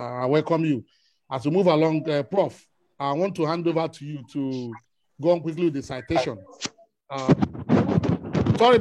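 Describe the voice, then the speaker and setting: Igbo-accented man hosting, fairly high voice. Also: a little mellow, no room sound. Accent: Igbo Nigerian. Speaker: host of an online alumni meeting. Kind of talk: informal formal welcome speech. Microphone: online video call.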